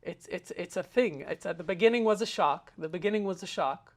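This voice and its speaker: A young Israeli man, a guest in an interview, earnestly tells a personal story, often hesitating with fillers and starting his sentences over. His voice sits high, and he speaks briskly.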